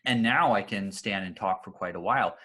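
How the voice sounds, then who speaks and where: Husky-voiced man with a bright edge. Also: lowish voice, a little fast. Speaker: interview host. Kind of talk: casual interview conversation.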